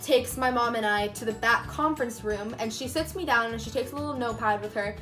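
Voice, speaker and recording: A young YouTuber with a slightly high voice tells a personal story straight to the camera, speaking fairly quickly and rambling casually with "like" at nearly every turn. She's in a room at home as daylight fades, with faint music under her voice.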